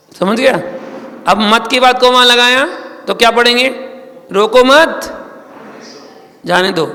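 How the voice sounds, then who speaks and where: Jain monk preaching slow, high gravelly voice, lots of hall echo. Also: male voice, pushed and bright. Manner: slow, repetitive teaching with questions to the audience. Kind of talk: sermon.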